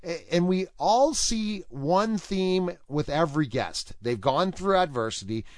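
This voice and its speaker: A man's voice: high voice, lively intonation, measured pace, darkish tone, no room sound, clean studio sound. A man hosting an interview show, talking casually and rambling with restarts and fillers. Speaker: talk show host.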